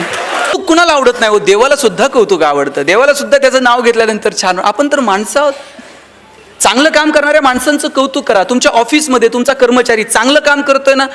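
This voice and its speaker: A man's voice: very high voice, expressive, fast talker, a bit bright. A man giving a humorous motivational speech to a live audience, telling stories and acting out the people in them. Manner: storytelling, acts out quoted voices, addresses audience members by name. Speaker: motivational speaker.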